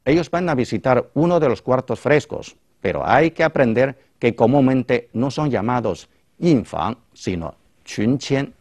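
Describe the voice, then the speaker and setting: A man hosting a language lesson, calmly explaining phrases and translating them. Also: medium pitch, measured pace. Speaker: language teacher and host. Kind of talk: explaining Chinese to a Spanish-speaking audience.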